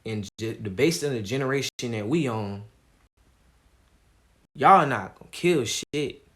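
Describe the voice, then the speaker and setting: A man streaming live, talking casually in a calm, laid-back way with plenty of slang. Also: medium pitch, a little slow. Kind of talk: casual livestream commentary.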